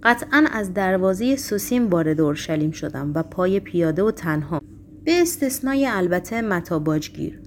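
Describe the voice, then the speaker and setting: A woman reading the part of a calm, gentle male prisoner who answers earnestly and without fear. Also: lowish voice, slight background noise, lightly acted.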